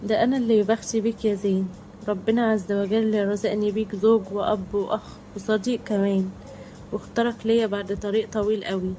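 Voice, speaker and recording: Devout young Egyptian wife, played by a woman: emotional and pleading, fast pace. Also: mid-range voice, level tone, mellow, a little hiss or hum, lightly acted, rough recording. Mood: tender.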